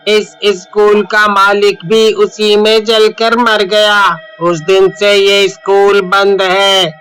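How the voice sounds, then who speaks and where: A gentle ghost schoolchild in a cartoon horror story , voiced by a man, calm and steady. The voice is high and flat, and very smooth and clear. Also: takes it slowly, faint music behind. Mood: wistful.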